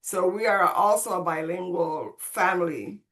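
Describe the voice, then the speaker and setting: A Caribbean woman, born on Saint Croix and raised in Puerto Rico speaking Spanish, tells her life story as a podcast guest in a conversational, expressive way. Her voice is on the low side, unhurried, and a bit bright.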